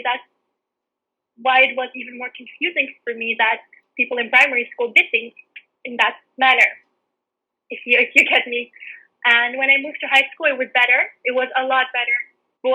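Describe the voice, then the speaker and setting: High husky woman from the Netherlands. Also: dull audio. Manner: reflective, earnest, frequent restarts. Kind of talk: candid personal storytelling.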